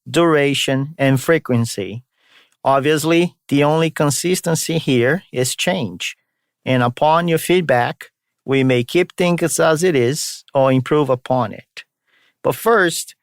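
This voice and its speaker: This solo podcast host, a man from São Paulo state in Brazil and a native Portuguese speaker, talks informally in a mixed Brazilian-Boston accent without his r's. His clear, resonant voice is on the high side, captured in clean studio sound with no echo.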